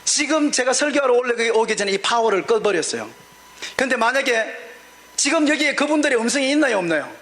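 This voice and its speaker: A man's voice: very high-pitched, expressive, brisk, fairly bright tone. A man preaching a sermon as a pastor, telling a personal story and acting out his prayers and other people's voices. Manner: storytelling with acted prayers and voices, emotional swings. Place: church hall at a conference.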